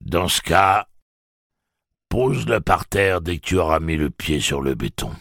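A man's voice: low-pitched, animated, measured pace, vocal fry, fairly bright tone, dry recording, clean studio sound, exaggerated voice. A man voicing a gleeful, crude old pirate who mocks and threatens in coarse slang. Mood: taunting. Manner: mocking, coarse taunting.

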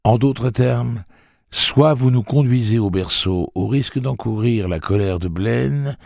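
A man's voice: medium pitch, creaky, no echo, clean studio sound, voice pushed up. A man doing a swaggering, foul-mouthed tough guy. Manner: swaggering, sneering threats.

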